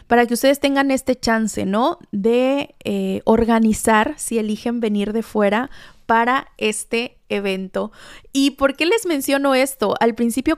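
A woman's voice: a little high, clean tone, no room sound, clean studio sound. A woman hosting a podcast, giving an enthusiastic, motivational spiritual monologue straight to the listener. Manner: enthusiastic, addresses listener directly. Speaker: podcast host.

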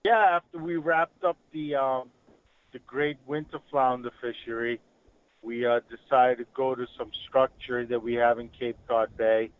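A man giving a casual fishing report as a podcast guest, halting often mid-sentence. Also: mid-range voice, steady tone, clear, resonant tone. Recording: dull, lo-fi call audio.

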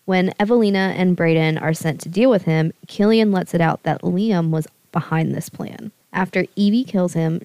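A woman co-hosting a podcast, briskly summarizing a novel's plot in casual chat and laughing now and then. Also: on the low side, dark tone, dry recording. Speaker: podcast co-host. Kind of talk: book recap, casual chat.

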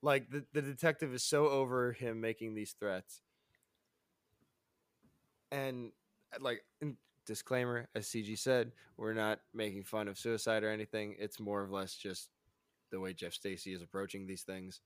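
A man's voice: on the low side, fairly even intonation, a little slow, clean tone, dry recording, clean studio sound. A man co-hosting a casual chat, rambling, stuttering and laughing as he talks. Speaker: podcast co-host. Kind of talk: casual chat reviewing a show.

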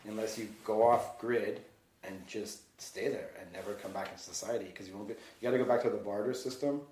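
Male podcast host, rapid heated rambling delivery, echoey room. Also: fairly low pitch, darkish tone, slight background noise. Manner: fast, heated ranting with frequent swearing. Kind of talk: casual conversation. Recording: roomy echo.

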